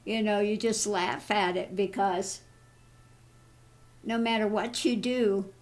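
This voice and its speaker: A woman in her early 70s talks casually and haltingly in a steady tone, her voice lower and easily fatigued following thyroid surgery. She's an online vlogger and tarot reader, good-humoured enough to laugh at her own problems.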